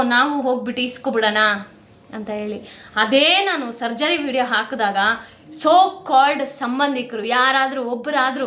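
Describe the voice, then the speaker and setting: A woman with a high voice vents to her viewers at home, indignant and wounded, close to tears. The home recording is roomy and echoing. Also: bright, forceful tone. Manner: aggrieved, indignant venting to viewers. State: near tears. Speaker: family vlogger. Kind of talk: emotional talk to camera.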